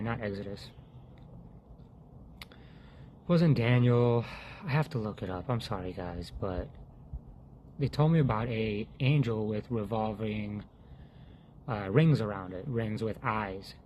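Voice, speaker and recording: Earnest man sharing a halting testimony. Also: fairly low pitch, darkish tone, lo-fi sound, a little hiss or hum. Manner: earnest, halting, restarts often, drops to near murmur when quoting prayer. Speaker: faith vlogger sharing a testimony. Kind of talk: personal testimony monologue.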